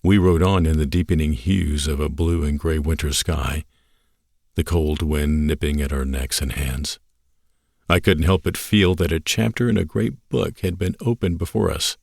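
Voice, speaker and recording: A man narrating a written story expressively, in measured, dramatic short phrases. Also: very deep voice, fairly even intonation, creaky, a little mellow, dry recording, studio quality.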